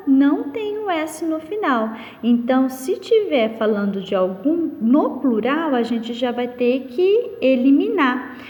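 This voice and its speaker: A woman teaches young children in a recorded class. She speaks slowly and patiently, and her slightly high voice swings up and down as she asks questions and answers them herself. A long reverb trails after her words. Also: darkish tone, muffled recording. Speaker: primary school teacher. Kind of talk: recorded online class lesson.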